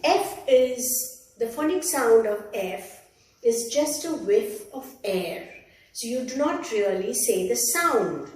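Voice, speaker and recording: Slow, careful woman teaching phonics. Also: fairly high pitch, big pitch swings, darkish tone. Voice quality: slow, deliberate, careful enunciation. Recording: echoey room, voice from a distance.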